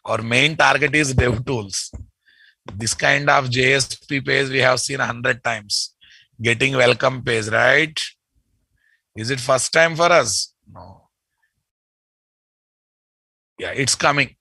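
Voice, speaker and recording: A man's voice: medium pitch, unhurried, creaky, sharp tone, breathy edge, no echo, low-quality recording. A man with a Telugu Indian accent teaches a live coding class, repeating his phrases and checking in with short tag questions. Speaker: programming instructor. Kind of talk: live coding lesson, addressing students.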